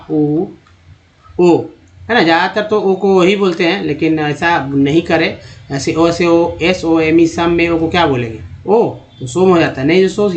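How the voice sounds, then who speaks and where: Male phonics tutor, slightly high voice, patient drawn-out sounding-out of words, chatty toward viewers. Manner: repeats vowel sounds and addresses viewers as friends. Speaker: English teacher. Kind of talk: Hindi-language phonics lesson.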